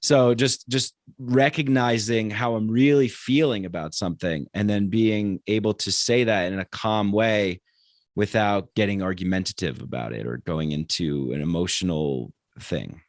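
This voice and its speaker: A man talking as a podcast guest, relaxed and halting, with many restarts and fillers. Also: lowish voice, no room sound. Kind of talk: casual conversation.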